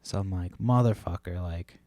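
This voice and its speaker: A man's voice: sits low, normal speed, warm tone, no echo. A man hosting a casual solo podcast from home, telling a rambling story full of swearing and fillers like "like" and "you know". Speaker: podcast host.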